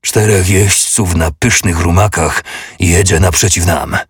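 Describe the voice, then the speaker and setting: Male narrator as a gruff old knight master, raspy and low, storybook reading. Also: unhurried, no room sound, studio quality, exaggerated voice. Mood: urgent.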